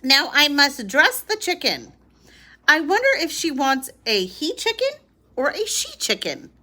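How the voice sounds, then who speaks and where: A woman's voice: high voice, huge pitch swings, measured pace, pushed and bright, pitched above the performer's own voice, full character voice. A woman voicing a cheerful, earnest, literal-minded housemaid who is eager to please in a children's storybook. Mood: cheerful, pondering.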